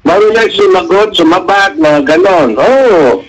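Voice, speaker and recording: A man's voice: high voice, a little slow, rough recording. A middle-aged man, a guest on a radio show, chatting casually and acting out the dialogue in his anecdotes. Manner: animated storyteller, acts out quoted dialogue. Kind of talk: casual radio interview chat.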